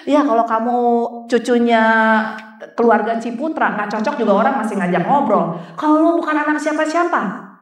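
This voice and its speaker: A woman, a psychologist, giving an animated, jokey seminar talk and acting out quotes. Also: a little high, normal speed. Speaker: psychologist speaker. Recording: echoey room, mic somewhat distant.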